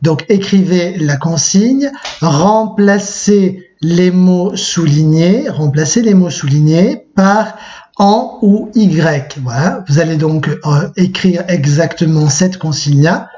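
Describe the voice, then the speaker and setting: A male teacher with a fairly high voice gives a video grammar lesson to young pupils. He explains patiently step by step and slows down on each example form. The recording sounds dull and lo-fi. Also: warm tone. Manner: patient, explains step by step, repeats "d'accord?" often; slows down to spell out example forms. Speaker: French teacher.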